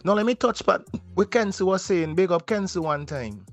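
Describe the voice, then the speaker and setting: An impassioned man with a Vincentian accent gives opinionated call-in commentary in island dialect. His voice is on the high side, rhetorical in delivery, with faint music underneath. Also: expressive, moderate pace. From Saint Vincent. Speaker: call-in radio caller.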